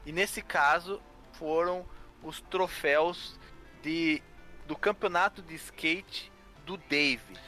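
A man's voice: on the high side, slow pace, bright, forceful tone, faint music behind. Joking Brazilian man spinning theories. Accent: Brazilian Portuguese. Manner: jokey, rambling speculation with laughs. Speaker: podcast co-host. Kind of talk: casual comedic podcast banter.

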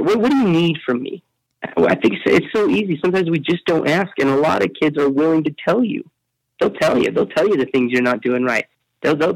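A man being interviewed on a podcast, telling stories in an animated way and often repeating his words as he talks. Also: on the high side, vocal fry, no echo, rough recording. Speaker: interview guest, speaker.

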